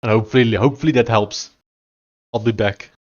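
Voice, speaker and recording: A man's voice: fairly low pitch, steady tone, a little fast, muffled recording. A man with an Afrikaans South African accent and a blocked nose, chatting casually on a livestream as he works. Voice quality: congested, blocked-nose sound. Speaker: live streamer. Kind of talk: casual livestream chat while coding.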